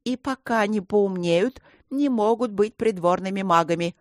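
A woman's voice: medium pitch, moderate pace, no echo, clean studio sound, close to an everyday voice. A woman voicing a cold, imperious queen in an audiobook, speaking in a commanding, clipped way. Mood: stern.

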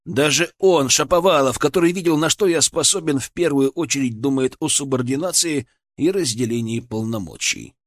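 A man's voice: medium pitch, moderate pace, hardly any pauses, no echo, studio quality. A man narrating a first-person audiobook in a tense, urgent way.

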